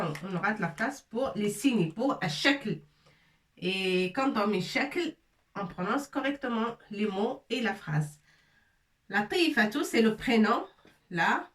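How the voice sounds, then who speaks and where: A woman giving an Arabic grammar lesson, slowly repeating words and drilling them aloud. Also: medium pitch, animated, a bit bright. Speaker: Arabic teacher. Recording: echoey room, voice from far off.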